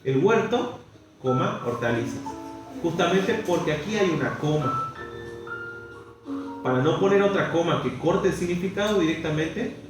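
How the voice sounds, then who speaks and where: Over background music, a man with a high-leaning voice and an Argentine accent teaches a language lesson at normal speed, pausing often. He explains each step and frequently checks that the students understand. The sound is very echoey, distant from the mic, and low in quality.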